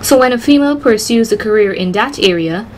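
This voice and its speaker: Outside by a building, a young Guyanese reporter of twenty delivers news and interview answers with firm earnestness into a handheld microphone. She's also an agronomy student, and her slightly high, slightly mellow voice is expressive and fairly quick. A bit of background noise can be heard.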